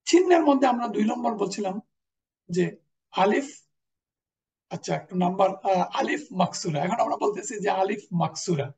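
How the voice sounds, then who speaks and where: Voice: mid-range voice, expressive, normal speed, pauses often, darkish tone. A teacher, patiently explaining grammar and repeating each example word. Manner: patient explanation, repeats example words, mixes in English terms. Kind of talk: classroom lecture. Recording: voice distant from the mic.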